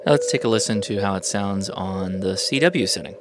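With heavy background noise behind him, a man in his thirties hosts a casual hands-on review, demonstrating a device in a small indoor workshop room. He talks briskly in a lowish voice.

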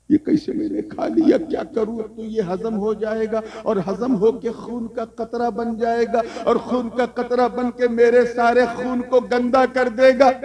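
A male preacher telling a story in an animated sermon, building on repetitive rhetorical chains before a live audience. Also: high voice. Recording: crowd laughing in background.

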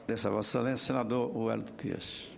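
A man's voice: lowish voice, fairly even intonation, very fast, gravelly. A Brazilian man in his seventies formally chairing a committee and handing over the floor. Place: large Senate committee room, indoors. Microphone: table gooseneck microphone.

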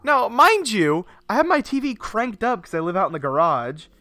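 A young game streamer chats casually from his home garage setup, his voice stuffy and congested from blocked sinuses. He sits high in pitch with a sing-song, sharp delivery at a moderate pace, rambling along and swearing freely.

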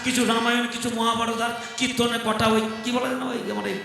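A male folk poet-singer telling a comic story on stage in lively rhyming patter into a microphone. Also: very high-pitched, fast, gravelly. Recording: echoey live PA with music.

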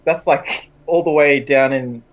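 A man's voice: mid-range voice, unhurried. A young man with an Australian accent, chatting casually in a laid-back, slangy way over a video call. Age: young adult. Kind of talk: casual chat. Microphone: headset on a video call. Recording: dull lo-fi video call audio.

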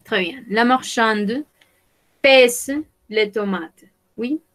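Slow, careful French teacher woman. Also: fairly high pitch, fairly bright tone. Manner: slow, careful, repeating words for students. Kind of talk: bilingual online class, French and Spanish.

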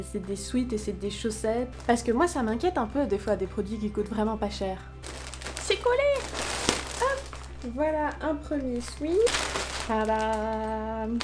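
A woman's voice: fairly high pitch, dark tone. A woman chatting frankly through a casual unboxing review of cheap clothes. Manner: chatty, frank, mocking asides.

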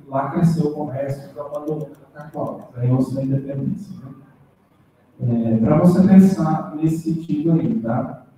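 Male seminar discussant, dark mellow tone, slightly high-pitched, taped from across an echoey room with faint noise. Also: distant mic. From Brazil, Rondônia. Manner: halting, with many tag questions and restarts. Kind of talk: academic feedback in a seminar.

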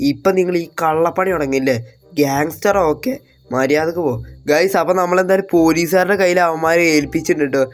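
Dramatic man streaming a game. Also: a little high. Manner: loud, dramatic, panicky and bossy. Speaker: gameplay streamer. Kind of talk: game role-play with commentary to viewers.

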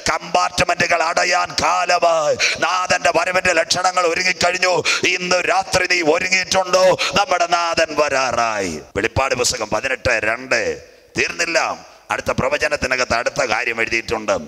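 A man's voice: on the high side, vocal fry, sharp tone, big-room sound. A man, a pastor, preaching a sermon at a night convention in a chanting, sing-song cadence. He prompts a scripture reader, then repeats and expands on each verse.

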